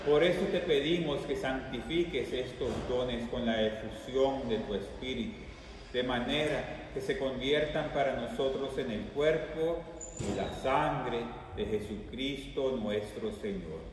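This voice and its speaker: Male priest, unhurried solemn liturgy, long cathedral echo, picked up from far off. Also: medium pitch, background noise. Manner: slow, solemn liturgical recitation. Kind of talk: leading the Mass prayers. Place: large church. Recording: echoey church from far off.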